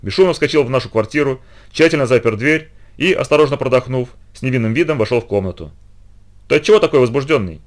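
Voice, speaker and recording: A man narrating a story in the first person with an expressive, lively delivery. He reads at a brisk clip in a mid-range voice. It has the feel of a literary reading. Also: mid-range voice.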